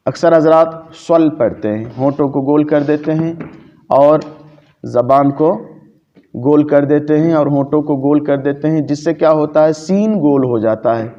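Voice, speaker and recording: Recitation teacher, male, fairly high voice; patient, draws out sounds. Muffled lo-fi recording. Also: mellow. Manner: explains patiently, drawing out letter sounds as examples. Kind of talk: religious lecture on pronunciation. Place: mosque. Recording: dull lo-fi recording.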